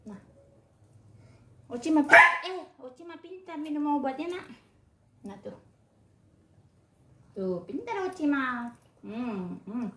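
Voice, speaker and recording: A woman speaks to her pets in doting, coaxing baby-talk, with a voice pitched a little high that leaps up and down. The sound echoes off the walls of a room at home. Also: big pitch swings, slow pace, pauses often, sharp tone. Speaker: pet owner.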